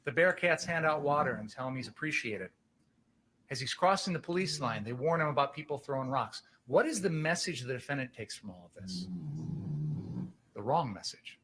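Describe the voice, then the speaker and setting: A man's voice: medium pitch, lively intonation, normal speed, sharp tone, slight background noise, low-quality recording. A man speaking as a prosecutor, giving a passionate, emphatic closing argument to a jury, using pointed rhetorical questions and repetition.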